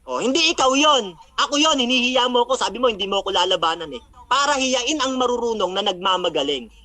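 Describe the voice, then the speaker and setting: A man's voice: very high-pitched, animated, fast talker, sharp tone. A man acting as a religious debater, mockingly recapping a debate, taunting his opponent and citing Bible verses.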